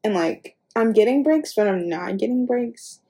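A woman's voice: a little high, lively intonation, normal speed, warm tone. A teenage girl co-hosting a casual chat, sounding tired, sighing and trailing off often. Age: teens. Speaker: co-host.

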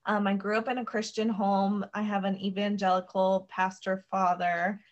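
A woman's voice: medium pitch, little pitch movement, normal speed, highs cut off. Chatty young American woman guest. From United States. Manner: chatty, peppered with "like" and "um". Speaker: podcast guest. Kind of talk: casual conversation.

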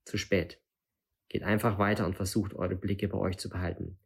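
Man doing a tense storybook guide, urgent warnings, low gravelly voice. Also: level tone, moderate pace, exaggerated voice. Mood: tense urging. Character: wary, nervous male guide among thieves.

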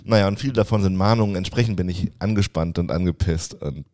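A man co-hosting a casual podcast from an office, venting his frustration in quick, rambling bursts with frequent restarts. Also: deep voice, a little mellow. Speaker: podcast co-host.

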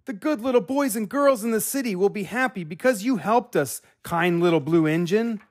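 Small toy clown for a storybook, played by a man: raised pitch, eager, hopeful, calling out. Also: lively intonation, normal speed, no echo, clean studio sound. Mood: jubilant. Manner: crying out, eager, pleading.

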